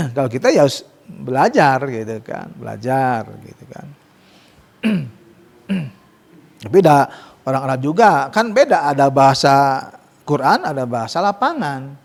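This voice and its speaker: A man's voice: mid-range voice, big pitch swings, vocal fry. Man teaching Quran recitation in a hall. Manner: explains casually, models slow drawn-out recitation. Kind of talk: tajwid lesson with students.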